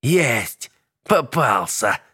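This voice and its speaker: A man voicing a scheming, boastful middle-aged witch who bosses her son, with a shrill, commanding manner. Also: animated, measured pace, a bit bright. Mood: gloating.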